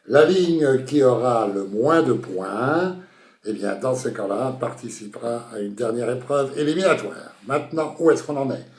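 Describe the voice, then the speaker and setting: A man's voice: mid-range voice, animated, moderate pace. A man hosting a comic quiz show in a playful announcing manner, rejecting answers with mock seriousness. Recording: roomy echo.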